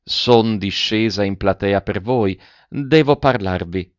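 A secretive masked noblewoman, as a male reader puts her on, teasing and softly reproachful. The voice sits low and dry in a dull lo-fi recording. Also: takes it slowly, dry recording. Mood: mysterious. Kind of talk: audiobook reading.

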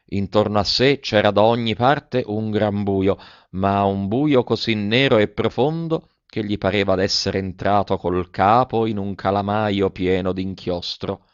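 Man reading a storybook out loud, steady and expressive, dry muffled recording. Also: lowish voice, a little slow, few pauses, clear, resonant tone, no echo. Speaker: narrator. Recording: dull, dry audiobook recording.

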